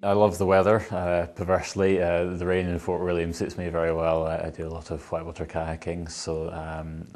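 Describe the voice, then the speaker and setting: A man's voice: low-pitched, monotone, brisk, few pauses, a little mellow. A man answering casually as an interviewee, with a tentative, hedging way of talking. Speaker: vox pop interviewee.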